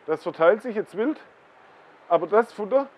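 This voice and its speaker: A man's voice: sits high, lively intonation, moderate pace, a little mellow, breathy edge. A man hosts a koi blog, explaining things casually at a pond and pointing them out to the viewer.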